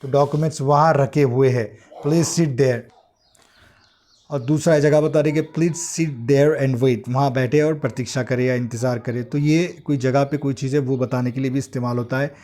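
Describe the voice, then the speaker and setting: A man with an Indian accent teaching English phrases in a bilingual lesson, reading each example sentence slowly and carefully before explaining it in Hindi. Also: medium pitch, fairly even intonation, darkish tone. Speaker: English teacher for exam aspirants.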